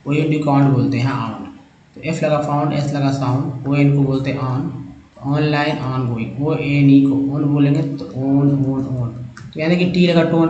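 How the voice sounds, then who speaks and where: A man's voice: fairly high pitch, darkish tone, roomy sound, lo-fi sound, a little hiss or hum. A man teaching English reading from slides, spelling out letter groups and sounding out words in a repetitive drilling way. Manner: addresses viewers as friends, emphatic. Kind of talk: slide-based phonics lesson.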